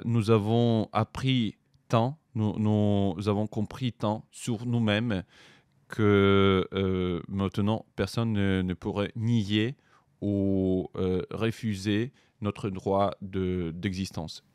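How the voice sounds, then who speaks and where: Ukrainian guy speaking french, super low voice, slow and halting, lots of euhs, smooth dry sound. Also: fairly even intonation, a little mellow, dry recording. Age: middle-aged. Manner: hesitant, many pauses and fillers. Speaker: guest, writer and soldier. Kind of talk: podcast interview.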